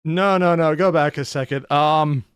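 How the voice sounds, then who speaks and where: A man's voice: a little high, measured pace, clean tone, no room sound. Male reaction host, off-the-cuff and rambling, resonant and dry-recorded, no room sound. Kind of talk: casual off-the-cuff reaction commentary.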